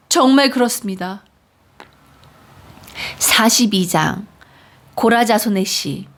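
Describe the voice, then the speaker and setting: A woman reads scripture aloud in a slightly high voice. Her delivery is slow, earnest and measured. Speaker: Bible reader. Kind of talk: scripture reading.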